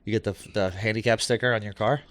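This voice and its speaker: A man's voice: fairly low pitch, fairly even intonation, fast talker, a bit bright. A man hosting a podcast, talking in a casual conversational style. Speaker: podcast host.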